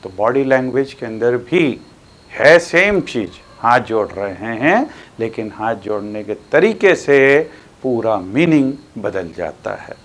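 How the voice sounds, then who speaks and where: A man's voice: mid-range voice, lively intonation, slow pace, fairly bright tone. An older man with an Indian accent teaching a classroom maths lesson, explaining patiently with emphatic stresses.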